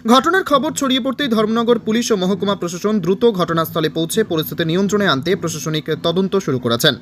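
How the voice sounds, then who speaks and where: A man with a fairly high voice reads a local news report. His delivery is formal and even, a scripted voice-over.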